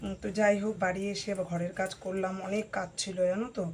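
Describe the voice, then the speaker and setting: A hoarse woman chatting casually to her viewers at home while cutting vegetables. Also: medium pitch, level tone, quick pace, darkish tone, slight background noise. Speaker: vlogger. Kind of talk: casual vlog chat to viewers.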